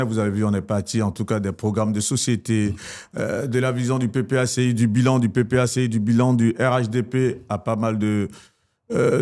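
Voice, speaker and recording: A man's voice: medium pitch, darkish tone. A man hosting a political interview, probing and pushing back on his guest.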